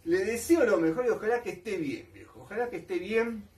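A man's voice: high voice, expressive, fairly quick, darkish tone, recorded from a distance. A man with an Argentine accent, rambling casually and nostalgically as a collector vlogger. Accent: Argentine Spanish. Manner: colloquial, nostalgic, repeats himself.

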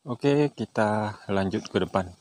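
A man's voice: on the low side, a little slow, a little mellow. Friendly male vlogger on a village walk. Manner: friendly, chatty, laughs often. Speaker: vlogger filming a walking tour. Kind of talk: casual chat with locals. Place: outdoors on a village road. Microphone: camera mic, walking.

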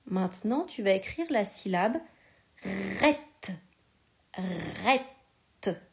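A woman teacher giving a slow, patient spelling lesson to a young child, sounding out each syllable with care. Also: medium pitch, expressive, a little mellow.

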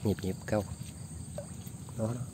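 The outdoor vlogger's lowish voice stays fairly even and unhurried as he checks his fishing lines and traps among flooded rice fields. He chats to viewers the whole way, over some background noise.

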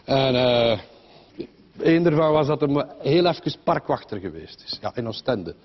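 A man's voice: mid-range voice, expressive, normal speed, lo-fi sound. A man with a Flemish accent telling a comic story in a rambling, chatty way, full of fillers and voices of the people in it. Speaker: comedian.

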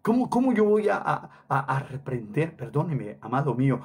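A man's voice: mid-range voice, very animated, normal speed, slightly rough. A middle-aged man preaching a sermon emphatically, repeating phrases for stress and dropping Hebrew words into his talk.

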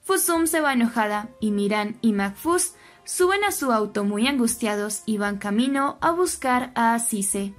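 A woman narrating a scripted soap opera recap, telling the story in a steady way and giving the quoted lines only a slight lift. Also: on the high side, normal speed. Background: faint background music.

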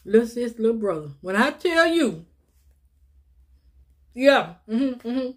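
A woman's voice: on the high side, big pitch swings, slow pace. A woman, chatting casually to viewers while eating in a mukbang vlog, calling them y'all and little sis. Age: 50s. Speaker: mukbang vlogger.

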